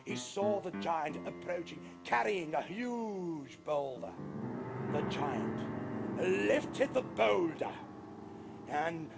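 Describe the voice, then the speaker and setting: A man telling a folktale live on a stage, with dramatic, animated narration. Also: a little high, slow pace, vocal fry, loud music behind the voice. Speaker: storyteller. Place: stage in a large concert hall.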